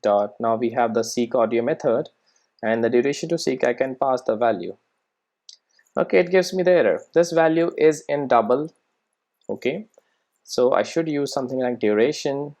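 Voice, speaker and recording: At a moderate pace and medium pitch, a slightly mellow voice leads a casual programming tutorial while coding live. The presenter reasons aloud and keeps checking in with "okay" and "right."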